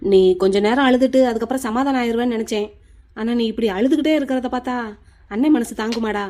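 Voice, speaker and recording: A woman's voice: on the high side, fast, darkish tone, natural voice. A woman voicing an elder brother in a cartoon who apologises to his crying sister and comforts her. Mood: soothing. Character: remorseful elder brother, gruff then tender.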